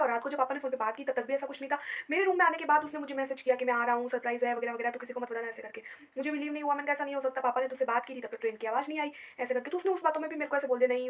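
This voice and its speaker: Fast-talking, upset young woman vlogger. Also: high-pitched. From India. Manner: chatty, emotional retelling with many fillers. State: tired and upset after a sleepless night. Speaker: family vlogger. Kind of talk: casual vlog storytelling to camera.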